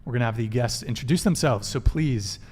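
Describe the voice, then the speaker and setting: Male podcast host, casual and joking, mid-pitched, quick follow-up questions. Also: a little mellow, slight background noise. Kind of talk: casual live-stream chat.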